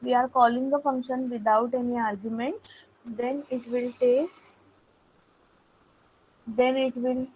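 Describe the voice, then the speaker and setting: In an online programming lecture held by video call, a woman explains step by step and fills her pauses with "okay." The audio is narrow and tinny with slight background noise, and her voice sits on the high side with fairly even intonation.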